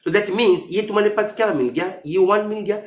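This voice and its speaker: A man's voice: sits high, a little fast, roomy sound. A man teaching math, explaining an exam solution step by step and often checking if students follow, mixing English terms into his Hindi.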